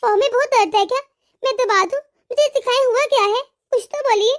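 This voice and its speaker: A woman voicing a kind, forgiving elder daughter-in-law in a cartoon, gentle and reassuring. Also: very high-pitched, brisk. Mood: caring. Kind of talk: cartoon voice acting.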